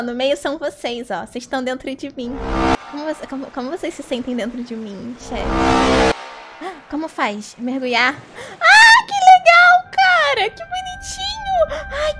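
A young Brazilian woman chatting casually as a cute anime-style VTuber streamer, excitable and gushing as she plays a game. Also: high-pitched. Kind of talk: casual live game-stream commentary to chat. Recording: game music behind. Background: video game music.

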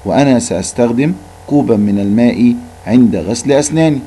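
A male teacher reading a father's lines in a measured, clear way for a class. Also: medium pitch, lively intonation, mellow, slight background noise, lightly acted. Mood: approving. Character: father in a school reading, approving adult man.

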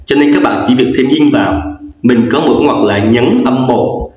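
A man's voice: mid-range voice, unhurried, darkish tone. A man teaching an English grammar lesson, explaining patiently and repeating each rule with frequent fillers. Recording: echoey lo-fi room recording.

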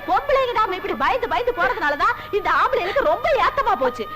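A bossy fiery wife. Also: female voice, very high voice, big pitch swings, fast talker, loud music behind the voice. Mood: lecturing. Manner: lecturing, domineering.

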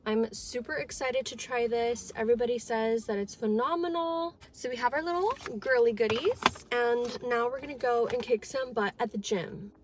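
Sitting in a parked car with her phone camera at arm's length, a twenty-something beauty vlogger chats bubbly and casually to her viewers. Her slightly high voice moves at a normal speed with hardly any pauses, against a noisy background.

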